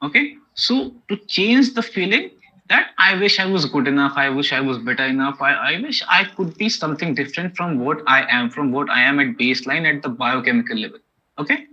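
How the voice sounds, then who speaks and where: A man lectures in an Indian English accent, building his academic explanation step by step and checking in constantly with "okay?" and "you know." His fairly high voice is animated and fairly quick, with a sharp tone and breathy edge, on a dull lo-fi recording.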